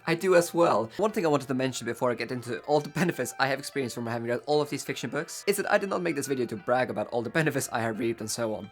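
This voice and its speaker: Talking about books to the camera, this young book-channel host speaks in a medium-pitched voice with a Faroese accent, Faroese being his native language. He keeps it conversational and frequently poses rhetorical questions.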